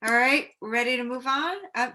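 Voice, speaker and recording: A woman chairing a school board meeting over a video call, upbeat and brisk with light jokes. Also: high voice, sharp tone.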